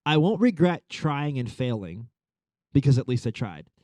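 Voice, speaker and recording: A man's voice: mid-range voice, very animated, moderate pace, dark tone, no echo. A man in his thirties giving a conversational sermon as a pastor, telling a story with many fillers. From Long Island. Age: 30s.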